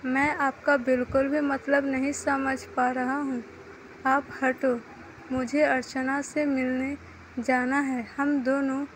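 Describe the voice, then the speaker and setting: A woman's voice: high voice, slight background noise, low-quality recording. Woman reading as a curt young husband. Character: young man, annoyed brother-in-law in love with his fiancée.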